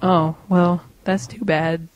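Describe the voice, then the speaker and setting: A man's voice: high voice, little pitch movement, slow, muffled recording, background noise. A teenage boy hosting a casual podcast with friends, teasing and joking. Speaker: podcast host. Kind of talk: casual chat among friends.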